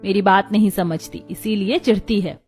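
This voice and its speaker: A woman voicing a strict, scolding middle-aged mother-in-law in an animated cartoon, with threats and firm explanations. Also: medium pitch, normal speed, soft background music, natural voice. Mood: explaining. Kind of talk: cartoon voice acting.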